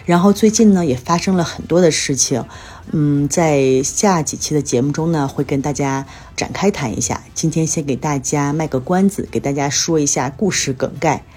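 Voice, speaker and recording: A woman's voice: low voice, moderate pace, darkish tone, slightly rough, soft background music. A woman from China hosting a casual solo podcast, chatting and telling everyday stories while sounding a bit tired and under the weather. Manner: chatty storytelling. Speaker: podcast host. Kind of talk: casual solo life-update monologue.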